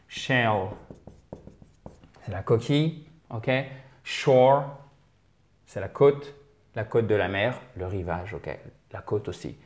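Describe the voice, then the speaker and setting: A man hosting a language lesson, chatty and encouraging as he explains pronunciation with energy. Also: mid-range voice. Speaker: language teacher and host. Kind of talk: lively video lesson.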